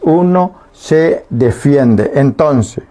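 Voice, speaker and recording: A man's voice: a little high, lively intonation, very slow, mellow. A man teaching a Guarani language lesson on the radio, patiently explaining and often checking that listeners understand. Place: radio studio.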